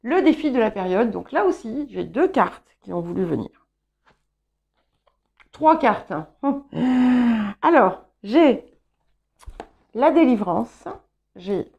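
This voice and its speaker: A woman whose first language is English, giving a calm, reflective tarot guidance reading with gentle encouragement. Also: a little high, vocal fry, breathy edge, dull audio. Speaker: tarot reader.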